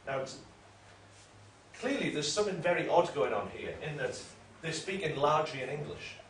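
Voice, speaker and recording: In an expressive, somewhat high voice at a moderate pace, a man delivers an academic lecture, explaining things discursively and frequently correcting himself. The mic sits at a distance in a roomy space, with faint noise.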